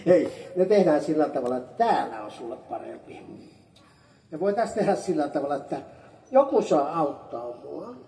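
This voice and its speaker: At a show area in an amusement park, a woman performs an animated magic act for kids, teasing her young helpers and breaking into high calls whenever she says the magic words. The sound is roomy and distant, with faint ambient noise.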